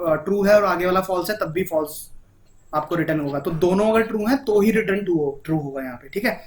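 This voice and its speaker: A man with an Indian accent teaching a programming lesson in a casual, chatty way, often checking in with his listener and mixing English terms into his talk. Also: high voice. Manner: repeats "ठीक है?" and mixes English terms into Hindi. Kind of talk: casual Hindi coding lesson.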